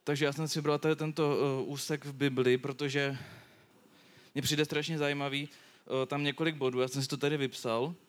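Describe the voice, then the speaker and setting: A man's voice: a little high, little pitch movement. A young man reading a Bible passage aloud and then reflecting on it informally, with many fillers and self-corrections. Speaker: youth speaker sharing a Bible verse.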